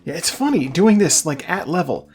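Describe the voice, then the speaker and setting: A man's voice: on the high side, very animated, normal speed, a little mellow, faint music behind. A man hosting a casual video game playthrough, rambling and correcting himself as he chats along. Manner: rambling, self-correcting, chatty. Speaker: let's play host. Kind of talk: casual gameplay commentary.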